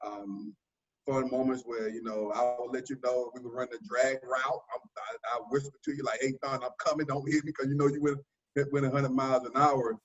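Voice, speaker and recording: A man's voice: medium pitch, little pitch movement, brisk. Guy cracking jokes about old practices over a muffled lo-fi video call. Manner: joking storyteller, acts out old banter. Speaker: former player on a team reunion call. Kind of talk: casual reminiscing.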